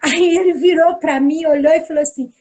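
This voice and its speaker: Speaking a little fast, a high-voiced woman who works as a teacher and pedagogical coordinator tells a casual story. Her delivery is lively, and she performs the dialogue as she goes.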